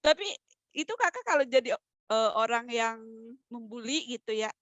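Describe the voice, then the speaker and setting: A woman's voice: a little high, lively intonation, moderate pace, fairly bright tone, no echo, dull audio. A young woman in a casual chat, chatty and giggly as she asks questions. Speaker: guest interviewer.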